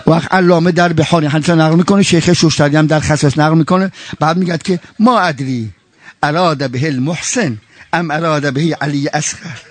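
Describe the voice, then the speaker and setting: A man preaching a mourning sermon, impassioned and swearing oaths, with sweeping swings from high to low and quoted Arabic phrases. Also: fairly even intonation, dry recording.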